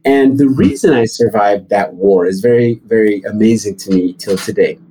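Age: middle-aged. Sex: man. Origin: Nigeria. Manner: animated storyteller. Timbre: dark, husky. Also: moderate pace, rough recording. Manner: animated storytelling, rising high for emphasis. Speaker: guest. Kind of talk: interview answers.

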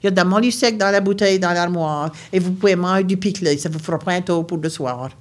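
A woman with an Acadian French accent telling a personal story in an animated, expressive way. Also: lowish voice, quick pace. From Baie Sainte-Marie, Nova Scotia. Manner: animated, expressive, often laughing. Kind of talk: live storytelling.

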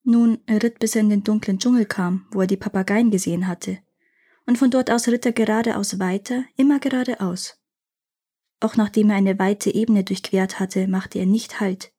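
A woman reading a fairy tale aloud in a clear, measured storytelling manner. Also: medium pitch, steady tone, dark tone.

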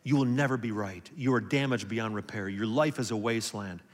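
A man preaching a sermon as pastor, earnest, swinging from emphatic peaks to quiet storytelling. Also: lowish voice, fairly quick. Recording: long hall reverb.

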